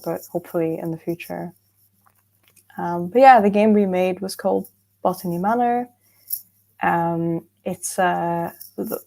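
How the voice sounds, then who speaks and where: A woman from Belgium presents her game studio over a video call. Her voice sits a little low and sounds mellow and warm. She talks in a relaxed, unhurried way with plenty of ums. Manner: relaxed, hesitant with frequent fillers. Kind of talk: casual conference presentation.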